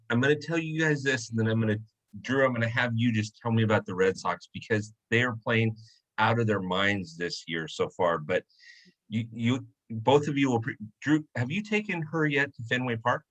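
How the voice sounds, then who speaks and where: A man's voice: medium pitch, fairly quick, a bit bright, poor audio. A man hosting a casual interview, telling a long story and acting out quoted lines. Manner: chatty storyteller, acts out quotes. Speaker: host. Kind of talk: casual video chat interview.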